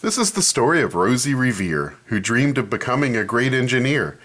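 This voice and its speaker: A man reads a children's picture book aloud with expressive storytelling, adding comments about the pages along the way. His voice is medium-pitched and his pace brisk. There's slight background noise.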